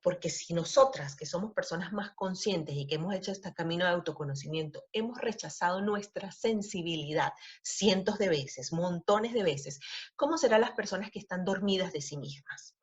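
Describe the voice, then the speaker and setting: A woman podcast host with a Latin American Spanish accent, talking in an expressive, emphatic way. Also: fairly low pitch, normal speed. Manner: expressive, emphatic, lingers on words. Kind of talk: conversational interview. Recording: slightly dull lo-fi audio.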